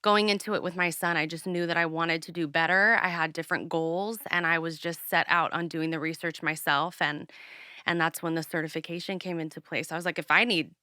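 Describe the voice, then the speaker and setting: A woman's voice: low-pitched, steady tone, brisk, bright, forceful tone, clean tone, dry recording, studio quality. A woman in her thirties, a lactation consultant and doula, talking candidly and earnestly in an interview, with many fillers.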